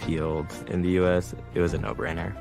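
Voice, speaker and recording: A male student from Egypt giving an earnest, measured testimonial about his studies. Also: deep voice, fairly even intonation, gravelly. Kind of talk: scripted promo testimonial. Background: background music.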